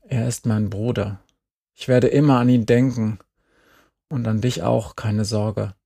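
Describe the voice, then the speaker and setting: A man reading an audiobook and voicing a blunt, bitter teenage girl who talks in a flat, cutting way. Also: on the low side, a little slow, vocal fry, husky, exaggerated voice. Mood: cold.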